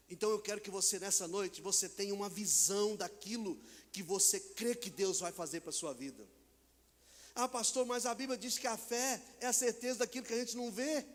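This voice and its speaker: High-voiced Brazilian preacher in echoing hall. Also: male voice. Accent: Brazilian Portuguese. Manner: animated preaching, acts out dialogue in voices. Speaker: pastor. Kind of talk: sermon. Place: church hall. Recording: long church hall reverb.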